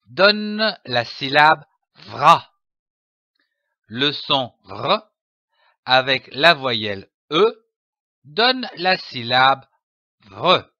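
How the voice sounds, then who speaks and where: A man leads a reading lesson, spelling letters and sounding out syllables one by one. His voice is very bright, and he speaks extremely slowly with a lively pitch. The recording is dull and dry. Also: dry recording. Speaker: reading teacher.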